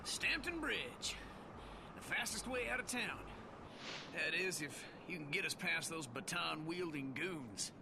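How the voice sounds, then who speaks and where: An excitable, wisecracking male sidekick from a video game. His voice is high and very animated, informal and wry. Loud noise surrounds him. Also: unhurried, gravelly. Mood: urgent, wry. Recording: very noisy, game sound behind.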